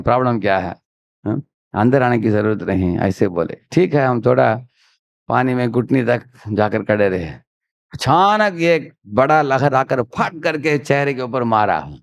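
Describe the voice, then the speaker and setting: A man's voice: mid-range voice, dry recording. A man giving a spiritual sermon, telling a story with acted-out quotes and often asking his listeners "haan?". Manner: animated storyteller, acts out quotes. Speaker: preacher giving a spiritual discourse. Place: temple hall.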